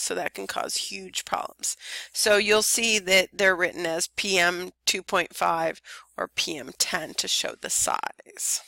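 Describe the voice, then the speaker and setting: A woman's voice: lowish voice, vocal fry, sharp tone, dry recording. A woman teacher giving a casual recorded lecture over slides, tired and yawning, with lots of ums. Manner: casual, chatty, many ums.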